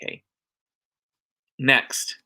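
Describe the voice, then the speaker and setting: A male church minister giving an informal religious mini-lesson, earnest and heartfelt, often halting and restarting his sentences. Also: pushed and bright.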